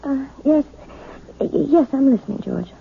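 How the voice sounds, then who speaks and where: An actress playing a timid, weary, anxious wife in a 1970s radio drama, speaking hesitantly and apologetically. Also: female voice, sits high, animated, moderate pace, gravelly, heavily acted. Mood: weary, defensive. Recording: muffled, tinny old radio broadcast.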